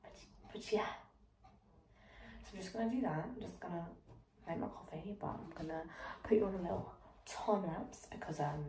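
A young woman vlogging casually at home, chatty and rambling, poking fun at herself and dropping into soft whispery asides. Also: lowish voice, normal speed, a little hiss or hum. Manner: chatty, rambling, self-mocking. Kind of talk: casual vlog chat.

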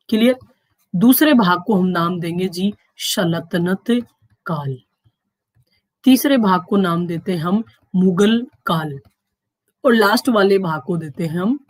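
A woman teaching an exam-prep history class, recorded close and dry with no room sound. She keeps asking her students rhetorical questions and answering them herself. Her pitch lifts on each question, and she slows right down to stress the key terms. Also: no room sound.

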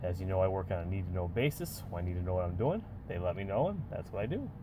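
A tired American trucker in his forties rambles casually into a phone camera from his cab, relaxed and full of filler pauses, like a laid-back vlog chat. His voice is low, the background is noisy, and the phone or dash camera sits at arm's length.

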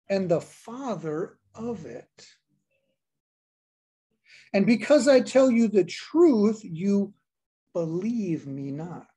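A woman's voice: mid-range voice, mellow, breathy edge. A woman pastor giving a sermon, reading scripture aloud and repeating key lines for emphasis.

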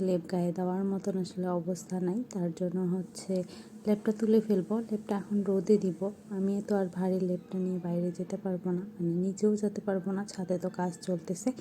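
A young woman narrating her home vlog in a soft, hushed voice-over. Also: mid-range voice, level tone, brisk, a little hiss or hum. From Bangladesh. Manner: soft, hushed talk so a sleeping child stays asleep. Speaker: vlogger.

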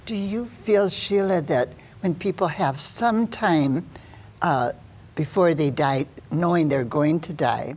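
An older woman hosts a studio interview. She has a low, mellow voice and puts her questions very slowly, pausing between phrases. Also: slightly rough. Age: older, about 70s. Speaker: talk show host, interviewer.

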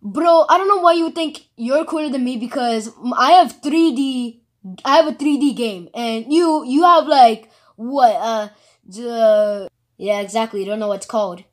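A woman's voice: fairly high pitch, normal speed, voice pushed down, close to an everyday voice. A woman voicing a boastful, cocky male animatronic bear who trash-talks and raps a diss track. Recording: voice over loud music.

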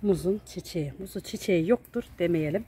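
A woman's voice: lowish voice, fast, warm tone, a little hiss or hum. A woman vlogger and mother walking through her country garden, chatting to viewers and her small daughter, recorded on a handheld camera. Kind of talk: casual garden tour vlog. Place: outdoor home garden in the countryside near a mountain.

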